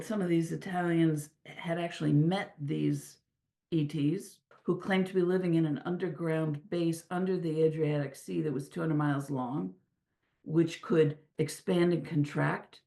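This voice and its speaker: A middle-aged woman talking as an interview guest, telling stories in an animated way with frequent restarts. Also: sits low, vocal fry. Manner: animated storyteller with many restarts. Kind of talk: casual interview talk. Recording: echoey room.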